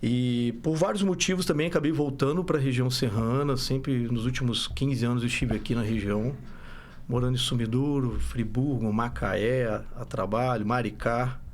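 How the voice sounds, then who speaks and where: Medium in pitch and moderate in pace, this man's voice comes with a slight hiss or hum in the background. He's a startup founder from Brazil, Rio-born and Belo Horizonte-raised, whose Brazilian Portuguese has a Minas Gerais accent. Chatting casually as a podcast guest, he rambles, keeps starting sentences over, corrects himself and tosses in "né?" often.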